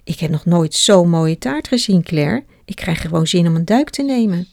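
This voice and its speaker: A woman's voice: lowish voice, lively intonation, moderate pace, creaky, a little mellow, no echo. A woman reading the lines of a friendly young male swimming coach in a children's storybook. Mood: fond.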